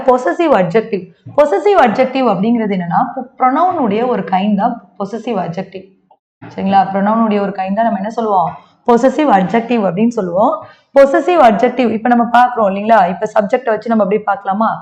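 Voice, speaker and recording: A woman's voice: a little high, animated, fast talker, a little mellow, roomy sound. A woman with a Tamil accent teaching an English grammar lesson for exam preparation. She switches between Tamil and English and keeps asking the class whether they follow.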